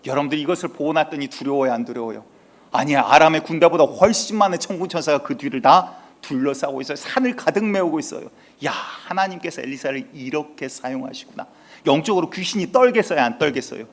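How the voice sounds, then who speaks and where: A man's voice: a little high, lively intonation, quick pace. A male senior pastor preaching a Sunday sermon with emphatic storytelling and rising outbursts. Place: church sanctuary.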